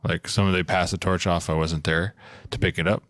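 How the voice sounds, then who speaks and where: A man's voice: low voice, level tone, brisk, a bit bright, no echo, clean studio sound. A man in his thirties from Alaska, a podcast guest who talks in a loose, rambling way full of fillers. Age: 30s. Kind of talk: casual podcast conversation.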